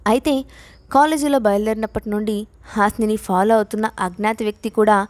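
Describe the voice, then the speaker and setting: Brief: woman storyteller, steady scripted narration, mid-pitched, very dry close sound. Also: brisk, no echo.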